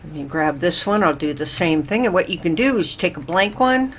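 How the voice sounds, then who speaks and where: A woman hosting a slow, chill game let's play, thinking aloud with lots of fillers and a little out of breath. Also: lowish voice, a little hiss or hum. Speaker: Minecraft let's play host. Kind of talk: slow, chill gameplay commentary.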